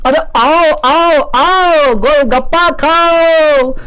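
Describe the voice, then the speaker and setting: Cartoon street hawker, sing-song calls; very high pitch. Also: male voice, drawn-out words, sharp tone, full character voice, rough recording. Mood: cheerful. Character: street snack seller, adult man, loud hawker.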